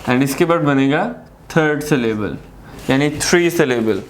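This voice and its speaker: A man with a Pakistani accent teaching a grammar lesson, explaining slowly, repeating words and asking rhetorical questions. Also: medium pitch, animated, a little hiss or hum.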